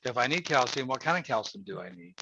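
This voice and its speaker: A host in his seventies runs a casual call-in chat, folksy, rambling and emphatic. He's animated and talks fast in a medium-pitched voice that is creaky, bright and forceful, on muffled lo-fi audio with faint noise.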